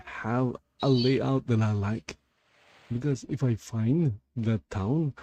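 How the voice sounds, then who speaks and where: Guy talking thru a voice changer while he plays, slow and wandering, music going behind him. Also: mid-range voice, dark tone. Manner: rambling, thinking aloud with restarts. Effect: voice changer shifting his voice. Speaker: game streamer. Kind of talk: casual gameplay commentary. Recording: game music playing clearly behind.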